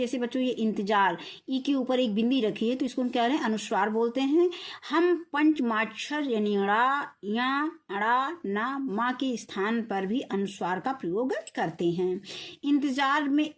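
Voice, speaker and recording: A woman with a fairly high voice teaches young children to read, drawing each syllable out slowly as she spells a word. She keeps asking the class questions and then answering them herself in a patient classroom manner. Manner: slow syllable-by-syllable spelling out words. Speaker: primary school teacher. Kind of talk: recorded children's Hindi lesson.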